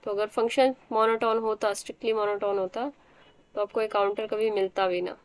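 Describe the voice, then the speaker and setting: A woman's voice: medium pitch, little pitch movement, a little fast, smooth, no room sound. A woman teacher giving a math lecture, explaining step by step and often checking that the students understand.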